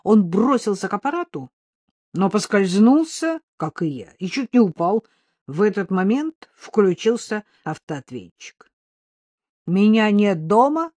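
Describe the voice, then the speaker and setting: A woman narrating a storybook in the first person as a playful dog, with an expressive reading. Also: medium pitch, unhurried, no room sound. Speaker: audiobook narrator.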